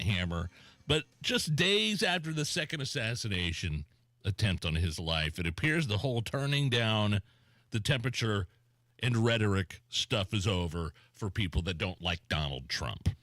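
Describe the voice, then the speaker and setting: A man's voice: fairly low pitch, big pitch swings, normal speed, a bit bright, dry recording, clean studio sound. A man hosting talk radio in a conversational style.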